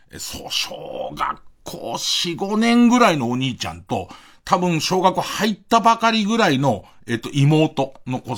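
A man's voice: a little high, fairly bright tone. A man hosting a late-night radio show, telling stories in a rambling, casual way full of fillers. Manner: casual, chatty. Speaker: radio host.

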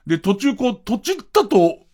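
A man's voice: high voice, big pitch swings, moderate pace, mellow. A man hosting a late-night radio show, rambling casually and thinking aloud with chuckling asides. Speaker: radio host.

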